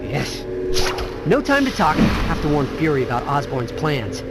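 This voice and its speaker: High-voiced wisecracking young superhero. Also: male voice, sing-song, unhurried. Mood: sarcastic, nervous. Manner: sarcastic, quippy. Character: wisecracking, anxious teenage boy superhero. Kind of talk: video game cutscene acting. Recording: loud music over the voice.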